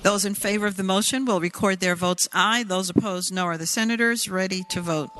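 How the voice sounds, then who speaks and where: A woman presiding over a state senate session, briskly reciting formal voting calls. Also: medium pitch, a bit bright, slight background noise. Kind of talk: formal parliamentary procedure. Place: legislative chamber.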